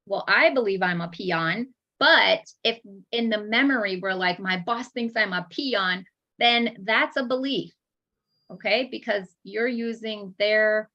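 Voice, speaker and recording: A woman's voice: mid-range voice, sharp tone, lo-fi sound. A woman coaching an online brain-training class, guiding listeners through memory exercises with quoted self-talk.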